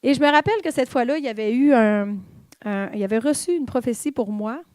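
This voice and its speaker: A woman's voice: fairly high pitch, brisk, a little mellow, no room sound. A woman with a Québécois accent giving a personal testimony sermon to a church, candid and confiding as she speaks straight to the congregation. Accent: Québécois French. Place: church in Quebec.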